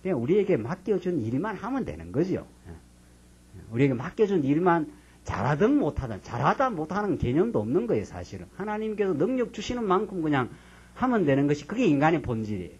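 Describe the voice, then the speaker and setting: A middle-aged male pastor teaching a Bible study in a church, reading scripture slowly and dramatically and then explaining it in casual talk. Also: fairly high pitch, sing-song, a little mellow, slightly rough. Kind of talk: Bible lecture sermon. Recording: dull lo-fi church lecture recording.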